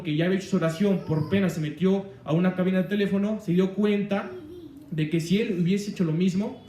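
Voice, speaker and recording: A man's voice: high-pitched, a little mellow, echoey room, distant mic, a little hiss or hum. A man preaching a sermon on the weekly Torah portion, rambling, with many fillers and restarts.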